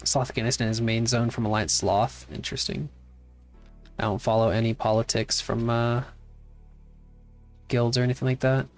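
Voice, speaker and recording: A man's voice: mid-range voice, level tone, normal speed, long pauses, faint music behind. A man streaming a game live, chatting casually and answering his chat in a laid-back way. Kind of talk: casual livestream chat while playing.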